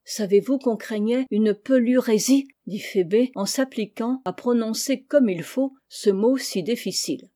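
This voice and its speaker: A woman reading a children's novel aloud, narrating gently and giving the characters their lines. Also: fairly high pitch, a little slow, hardly any pauses. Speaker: audiobook reader. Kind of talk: storybook narration.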